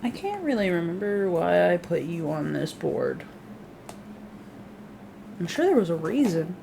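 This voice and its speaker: A young woman with a slightly low voice breezes through a TV season recap, dropping swear words and sarcastic asides. She slips into quick imitations of the characters, with a faint hiss of ambience behind her. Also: big pitch swings, creaky. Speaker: recap vlogger. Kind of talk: casual, profane TV recap.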